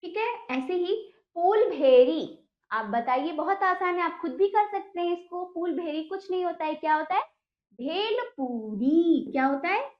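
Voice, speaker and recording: A woman teaching a primary school language lesson, patiently asking questions and slowly repeating the answers. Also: very high-pitched. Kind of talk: classroom lesson explaining exercises. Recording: echoey room, dull lo-fi sound.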